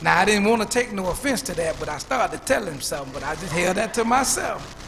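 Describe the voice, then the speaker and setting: Male pastor, fifties, high voice, storytelling sermon, reverberant church hall. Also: expressive, fast talker, gravelly. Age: 50s. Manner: preacherly storytelling, repeats words when building up. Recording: church hall reverb, faint room noise.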